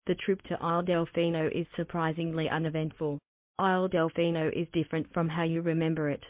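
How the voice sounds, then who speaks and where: Robot-ish tts lady narrator, dead flat, sounds like it's coming through a phone. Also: mid-range voice, a little fast, dry recording. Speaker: narrator of the game's generated story. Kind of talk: text-to-speech story narration. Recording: thin, phone-like dry synthetic audio.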